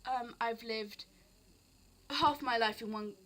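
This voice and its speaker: A woman's voice: a little high, takes it slowly, fairly bright tone, a little hiss or hum. A thirteen-year-old girl from Wales with a Welsh accent tinged with English, chatting casually in a rambling, self-correcting way. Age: teens. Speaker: vlogger. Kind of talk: casual chat.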